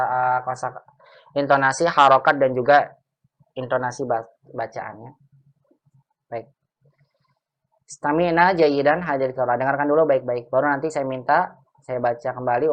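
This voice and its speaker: Male Arabic teacher, patient and explanatory, on a video call, average pitch. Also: lo-fi sound. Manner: patient, explanatory, pauses to search for words. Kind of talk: online Arabic grammar lesson.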